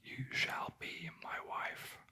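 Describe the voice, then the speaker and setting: A sleep story narrator whispering a fairy tale in a breathy ASMR voice, with dry, wry asides. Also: slow pace. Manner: wry, deadpan commenting on the story.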